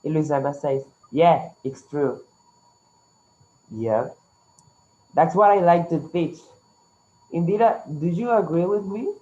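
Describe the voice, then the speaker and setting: Online English teacher, Latin American Spanish accent, native Spanish speaker, mid pitch, encouraging and instructive, slightly dull class audio. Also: expressive, moderate pace, long pauses, dark tone. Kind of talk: interactive online language lesson.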